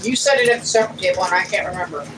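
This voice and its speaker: A woman's voice: on the low side, very fast. A middle-aged woman, chatting casually on a family livestream and reading viewer comments aloud. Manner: homey, chatty, plainspoken. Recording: distant mic in a noisy room.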